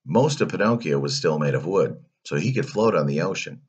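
A man reading a children's story aloud, animated, with playful asides. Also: sits low, brisk, breathy edge, muffled recording.

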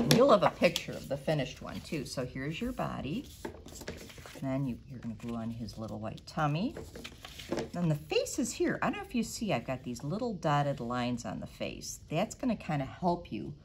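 A middle-aged woman with a very deep voice, a children's librarian, reads a storybook aloud with animated sound effects, then guides kids through a craft. She's recorded on a lapel mic in a library room with background noise.

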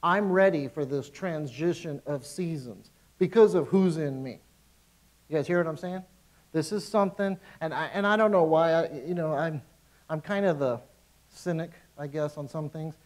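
A man's voice: fairly high pitch, normal speed, a little mellow, low-quality recording. A man, a pastor, preaching a conversational sermon in a church, emphatic and informal, repeating his phrases.

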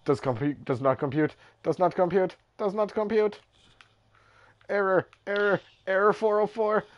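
A man's voice: high-pitched, moderate pace, dry recording, highs cut off, pitched above the performer's own voice, close to an everyday voice. A man playing a glitching, malfunctioning robot that repeats the same error phrase over and over in a mocking loop. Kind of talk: casual gaming banter.

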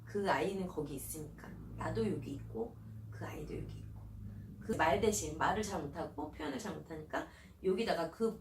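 A woman child counselor giving parenting advice in an animated way, often acting out the questions she would ask a child. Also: lowish voice. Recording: roomy, distant mic, faint hiss.

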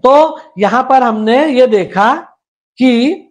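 A man's voice: extremely high pitch, slow pace. A man teaching Hindi grammar in an exam-prep lecture, who asks and answers his own questions, repeats each point and sounds out syllables for students to copy.

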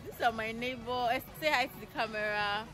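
A woman's voice: a little high, a little fast, pushed and bright, soft background music. A young woman with a Nigerian accent, vlogging casually outdoors into a phone held at arm's length and chatting with a laugh in her voice. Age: young adult. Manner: chatty, laughing, switching into pidgin. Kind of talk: casual vlog walkthrough. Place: outdoors in a rural neighborhood.

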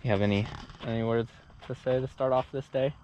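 A man hosting a casual travel vlog at a desert campsite, talking in a relaxed, rambling way with many pauses and fillers into an action camera. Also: mid-range voice, lo-fi sound, slight background noise. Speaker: vlogger and trip host. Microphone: action camera mic.

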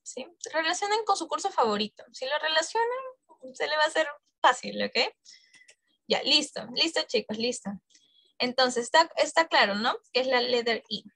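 Brief: woman, English teacher, high voice, coaxing, keeps checking in, close dry sound. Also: expressive, moderate pace, gravelly, pushed and bright, no room sound. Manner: coaxing, checks in with frequent questions. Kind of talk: online exam-prep class.

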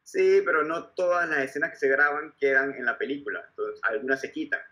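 A man interviewing, a filmmaker asking calm questions in a measured, slightly hesitant way. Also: on the high side.

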